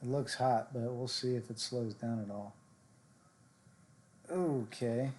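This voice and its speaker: A man's voice: mid-range voice, takes it slowly, a little hiss or hum. A man giving casual live-stream commentary on his gameplay, chatting with viewers and coaching himself through his shots. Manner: chatty, answers viewer chat directly; relaxed, self-coaching talk with fillers. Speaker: game streamer.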